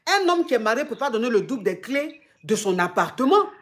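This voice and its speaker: A woman's voice: a little high, very animated, fairly quick. A woman with an Ivorian French accent hosting a call-in advice show, retelling a caller's story back to her with many repeated phrases. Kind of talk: live call-in advice chat.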